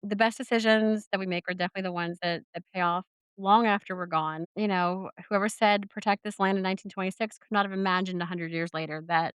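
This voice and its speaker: A woman's voice: mid-range voice, steady tone, fast, clear, resonant tone, no echo, clean studio sound. A woman co-hosting a casual podcast, rambling with many fillers and restarts and giggling asides. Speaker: podcast co-host. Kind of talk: casual chat.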